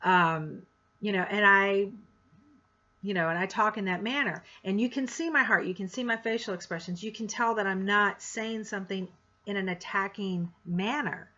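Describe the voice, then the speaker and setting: Lady teacher going over course rules, says it how it is, a bit sarcastic, sharp bright voice. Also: mid-range voice, normal speed, lo-fi sound. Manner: direct, frank, sarcastic asides. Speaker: college instructor. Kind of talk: course introduction lecture.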